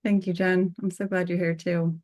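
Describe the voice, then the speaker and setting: A woman's voice: lowish voice, flat delivery, moderate pace, a little mellow. A woman hosting a workshop on a video call, inviting each participant to share in a friendly way. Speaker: host, workshop facilitator. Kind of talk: leading introductions on a video call.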